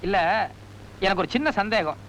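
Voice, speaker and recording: A man's voice: sits high, sing-song, moderate pace, fairly bright tone, a little hiss or hum. An actor playing a male stranger who asks villagers puzzled questions in a film scene. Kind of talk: film drama acting.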